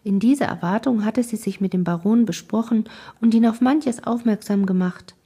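A woman narrating a classic novel aloud in a soft, breathy, partly whispered delivery. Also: fairly high pitch, normal speed. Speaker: audiobook narrator.

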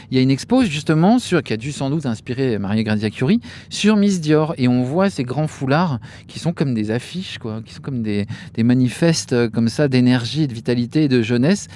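A man co-hosting a casual podcast, talking about fashion in a lively, chatty way. His voice sits at an ordinary middle pitch, and he often stops and restarts his sentences with fillers. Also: a little hiss or hum. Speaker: podcast co-host.

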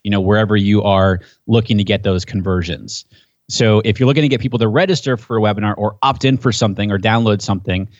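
A man's voice: fairly low pitch, no room sound. A man, a guest on a podcast, explaining his subject in an enthusiastic, conversational way that gets pumped up as he goes. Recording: dull, dry podcast audio.

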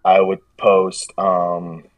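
A man with a fairly low voice talks through a story in a casual podcast chat, rambling and often circling back on his own sentences. He sits a little back from the mic. The room sounds dry and dead. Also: monotone, extremely slow, no room sound, distant mic, lo-fi sound. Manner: rambling, self-correcting storyteller with frequent restarts. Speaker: podcast guest, gym meme page creator.

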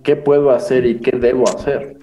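A man in casual chat, reasoning in a measured, reflective way. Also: mid-range voice, fairly even intonation, dark tone. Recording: roomy echo.

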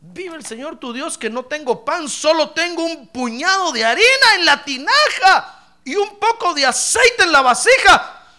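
A destitute widow spits out her complaints in a high, shrill voice, played by a male preacher. She is loud, bitter and grating. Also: animated, unhurried, heavily acted. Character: bitter, destitute widow woman, middle-aged.

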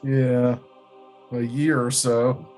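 A man's voice: mid-range voice, flat delivery, extremely slow, a little mellow, faint music behind. A man chatting casually as a player at a tabletop game. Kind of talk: casual banter.

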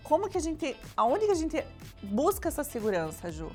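A woman co-hosting a casual chat, animated, laughing often and talking straight to the listeners. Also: high voice, normal speed, soft background music. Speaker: co-host.

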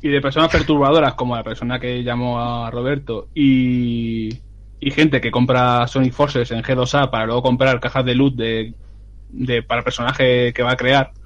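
Dry, teasing podcast moderator. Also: male voice, medium pitch, normal speed. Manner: teasing, moderating with deadpan jokes. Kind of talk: casual chat among friends. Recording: slightly dull lo-fi audio.

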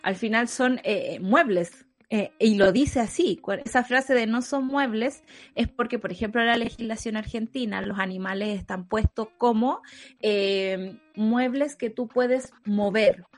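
Thoughtful woman, fairly high voice. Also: a little slow. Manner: thoughtful, explains with fillers. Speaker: podcast co-host. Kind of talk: casual chat.

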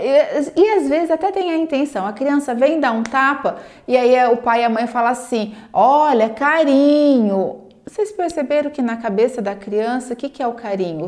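A woman gives parenting advice straight to camera. She speaks earnestly and acts out parents' lines in quick asides. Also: a little high, darkish tone. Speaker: parenting educator. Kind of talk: direct-to-camera advice talk.

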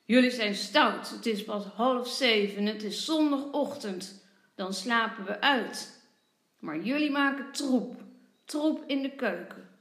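A grumpy father, roused too early, scolds the children loudly, as a woman reading aloud puts him on. His words come out slow and emphatic. The sound has a roomy echo. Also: on the high side, animated, exaggerated voice. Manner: loud, scolding.

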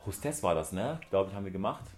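A man in relaxed casual chat, talking quickly in slangy talk with lots of fillers. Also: sits low, faint music behind.

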